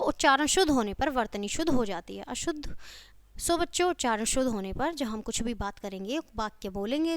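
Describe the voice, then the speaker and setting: High-voiced woman teaching children. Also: dry recording. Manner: sing-song, repeats each example sentence slowly; addresses children warmly as "बच्चों". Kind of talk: recorded grammar lesson for children.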